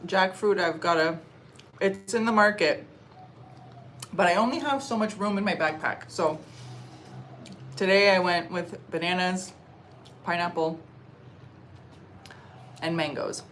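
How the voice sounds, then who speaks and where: A young woman from Canada chatting casually on a livestream while eating, answering comments in a relaxed, chatty way with little murmurs of enjoyment. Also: on the low side, measured pace, pauses often, slight background noise, low-quality recording. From Canada (Ontario). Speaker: livestream vlogger. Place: outdoors or open space in a warm country.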